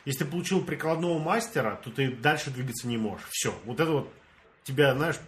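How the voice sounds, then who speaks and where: A young Russian man tells a story to friends in a casual chat, speaking quickly in a medium-pitched voice. He is an animated storyteller who acts out the dialogue and laughs often.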